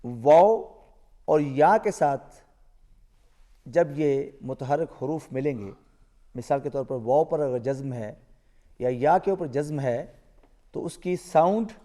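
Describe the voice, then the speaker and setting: Man teaching syllables, drawn-out and emphatic. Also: fairly high pitch, long reverb tail. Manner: slow, drawn-out syllables with loud emphasis for repetition. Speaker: Quran teacher. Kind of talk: children's TV recitation lesson.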